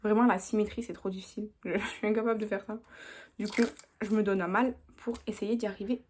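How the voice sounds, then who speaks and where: A woman's voice: mid-range voice, steady tone, fast talker, darkish tone. A young woman, chatting casually through a makeup tutorial as she works. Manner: chatty, talks while working, lots of little "hop"s. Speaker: beauty vlogger.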